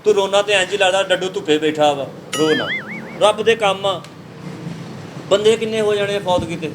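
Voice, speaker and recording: A high-pitched man plays a brash, teasing caterer in a comic sketch. He mocks and jokes while taking down an order. Steady noise sits behind his voice. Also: normal speed.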